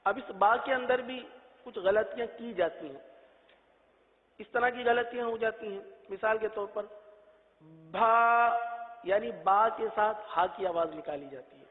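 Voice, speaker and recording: A man teaching recitation in a patient spoken lesson, drawing out and singing each letter sound, asking questions and then answering them himself. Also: high voice. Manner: drawn-out sung letter sounds; asks and answers his own questions. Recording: tinny phone-like echoey audio.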